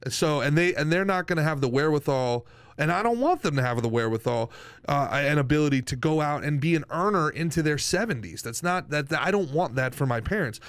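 A man co-hosting a podcast in a studio, talking earnestly and jumping in quickly, recorded close on a studio mic. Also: fairly high pitch, lively intonation, fairly bright tone, clean tone, no room sound. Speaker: podcast co-host. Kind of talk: casual discussion. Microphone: studio mic, wearing headphones. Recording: dry close-miked studio sound.

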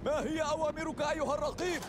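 War game soldier, really high urgent voice, fast clipped callouts, super noisy battle behind him. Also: male voice, steady tone. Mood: urgent, alert. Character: alert male First World War soldier calling out enemies. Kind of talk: shouted battlefield callouts, scripted game acting in formal Arabic. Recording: loud battle noise, gunfire and vehicles.

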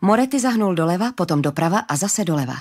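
A woman narrating a fantasy audiobook in a steady, even storytelling manner. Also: fairly low pitch.

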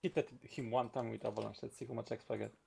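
A man's voice: mid-range voice, flat delivery, fast, gravelly, darkish tone, a little hiss or hum. A man rattling off urgent, repeated callouts to his team over game voice chat. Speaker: player in an online game.

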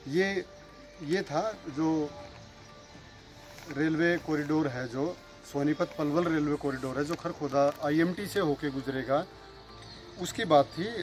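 A man's voice: fairly high pitch, slow pace, pauses often, poor audio. A man, presenting an informal local news report and reading out figures item by item. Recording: music bed under the voice. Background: background music.

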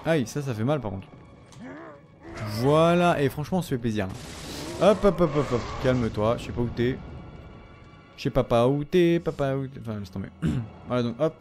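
A young man giving casual gameplay commentary, excitable, swearing and trash-talking enemies. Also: medium pitch, normal speed, pauses often, music in the background. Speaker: let's play commentator.

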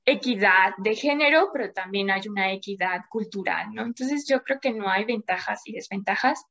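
A creaky, slightly bright mid-range voice at normal speed, with the highs cut off, comes from a young adult Mexican climate scientist. She talks at length and thoughtfully as a guest in a casual interview over video call, with little laughs scattered throughout.

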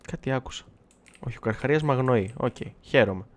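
Male streamer, mid-pitched, loose running chatter to chat during live play, quick to swear and joke at himself. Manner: chatty, self-mocking, swears, talks back to chat and the game. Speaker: gaming livestreamer. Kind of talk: casual live gameplay chat.

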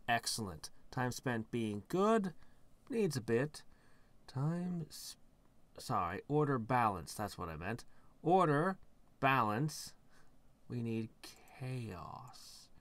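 A man's voice: medium pitch, very animated, slow pace, no echo. A man giving let's-play commentary, thinking aloud in a rambling way with dry, self-mocking humour. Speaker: gaming channel host.

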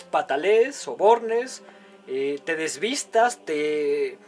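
A young man with a Mexican accent giving crude, joking, casual commentary on a video he is reacting to. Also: fairly high pitch.

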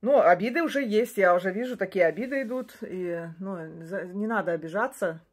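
This is a woman in her forties, a native Russian speaker, with a mid-range voice and a slightly fast pace. As a social media creator, she chats to a close-up phone camera in a small indoor room. She wanders from point to point, starts sentences over and laughs briefly along the way.

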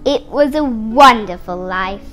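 An eight-year-old girl, a young storyteller, reads a picture book aloud with careful, dramatic phrasing. The voice, described as a woman's, is on the high side, slow, fairly bright and lively in intonation. Instrumental music plays in the background.

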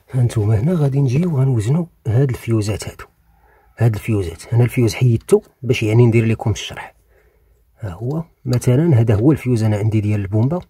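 A man's voice: medium pitch, dark tone, slightly rough, dry recording. A man with a Moroccan Arabic accent hosting a car repair tutorial. He explains each step while he works on the car, probably in a garage. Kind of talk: hands-on repair demonstration.

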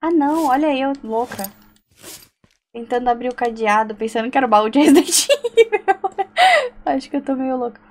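Playing a horror game on stream, this Brazilian woman speaks at a normal speed in a high, very animated voice with a Brazilian Portuguese accent. She nervously addresses herself and the game, reads notes out loud, and cries out in fright.

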